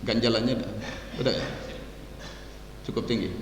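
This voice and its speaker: A male preacher delivering a sermon to a seated audience, his voice swinging into sharp emphatic rises as he tells stories. He sounds far from the microphone, in a long, ringing hall with faint background noise. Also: mid-range voice, fairly even intonation, moderate pace. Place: indoor hall with live audience.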